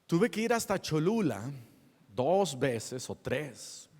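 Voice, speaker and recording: A man's voice: a little high, takes it slowly, long reverb tail. A man preaching a sermon as a pastor, telling stories and acting out the people in them. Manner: animated storyteller, acts out the people in his stories.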